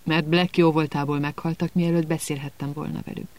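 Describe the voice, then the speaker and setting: A man's voice: a little high, flat delivery, lightly acted. A man voicing a brooding, stubborn teenage boy in a storybook reading, terse and tense.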